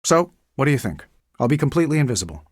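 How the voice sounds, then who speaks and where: A man's voice: medium pitch, very animated, racing, slightly rough, dry recording, clean studio sound. A man playing a cocky, wisecracking middle-aged genius superhero in a video game, with an American accent and a glib, sarcastic conversational delivery. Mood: wry. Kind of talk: video game voice lines, quippy banter.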